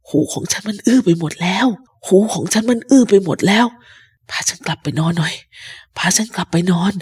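A woman voicing a sick old male pirate captain who craves rum, talking slowly and low with strain. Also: darkish tone, husky. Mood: feeble. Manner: slow, low, strained speech. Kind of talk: storybook reading.

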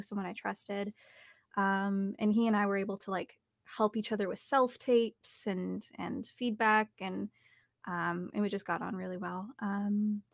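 A young adult woman with a medium-pitched, creaky voice speaks as an interview guest in clean, echo-free studio sound. She's an audiobook narrator and voice actor, recording indoors from her home studio. She talks casually and reflectively, thinking aloud as she goes.

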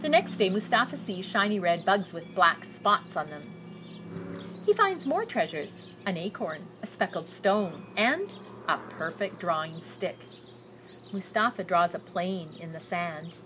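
Out on a garden patio, an older woman reads a children's picture book aloud with great animation, carefully drawing out the descriptive phrases. Her voice is lowish and a little slow, and the outdoor recording picks up background noise.

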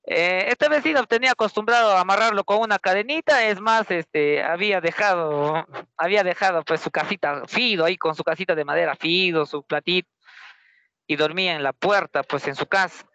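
A young man with a Peruvian Spanish accent teaches a class, his high voice bright and sharp, recorded very close and dry with no echo. He tells an anecdote in a lively, chatty way, frequently pausing to put rhetorical questions to his students.

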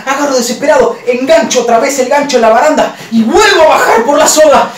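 High-voiced man telling a comic story. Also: quick pace, recorded from a distance. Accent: Rioplatense Spanish. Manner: animated, exclamatory, swearing. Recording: roomy, off-mic, faint noise.

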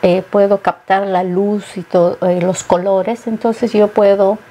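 A middle-aged woman from Peru talks slowly about her painting as an interview guest. Her voice is mellow and warm, and she pauses often with thoughtful fillers. She sounds close on a lapel mic in a studio set. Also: mid-range voice, little pitch movement. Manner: thoughtful, many hesitations. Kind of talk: interview conversation.

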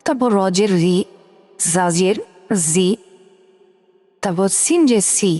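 A woman's voice: medium pitch, animated, slow, dark tone, in a large hall, soft background music. A woman teaching Quran reading step by step, patiently sounding out each syllable and repeating it. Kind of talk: step-by-step recitation lesson.

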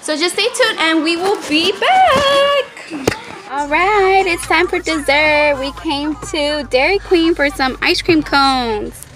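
A woman's voice: high-pitched, a little slow, hardly any pauses. A young adult woman chatting casually to camera as a family vlogger, recorded on a phone held at arm's length. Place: home living room, later inside a car at night.

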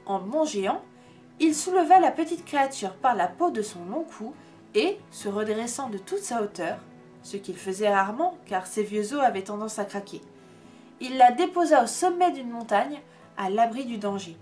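A woman reading a storybook aloud in an expressive, measured storytelling manner. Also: on the high side. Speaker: reader. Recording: faint background music.

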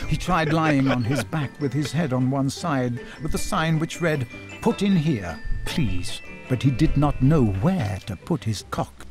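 A man narrating a crude parody of a children's storybook in a mock-serious reading voice. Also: mid-range voice. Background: music.

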